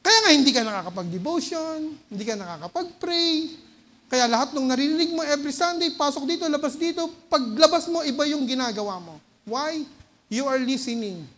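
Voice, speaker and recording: A man with a Filipino accent preaching a sermon. He often asks the congregation "no?" and moves between loud urgent bursts and low quiet asides. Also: expressive, fairly quick. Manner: keeps checking with the congregation by tagging "no?" onto phrases. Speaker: lay preacher. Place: church hall. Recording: long reverb of a church hall.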